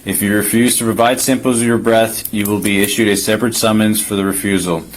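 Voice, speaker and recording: A man with a fairly low voice speaks as a police officer. He reads formal legal wording in an insistent, procedural way, with faint noise on the body camera recording. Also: fairly even intonation, fast, low-quality recording. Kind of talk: formal reading of a legal form, firm instructions.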